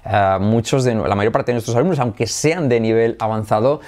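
A man gives an English pronunciation lesson. His voice sits at a medium pitch. He explains each key sound and repeats practice sentences slowly for the learners. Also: a little mellow. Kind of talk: spoken language lesson.

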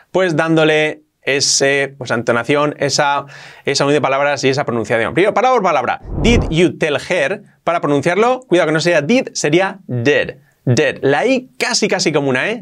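A man with a Spain Spanish accent teaching English in a video lesson. He talks in a lively way and drills words over and over. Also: a little high.

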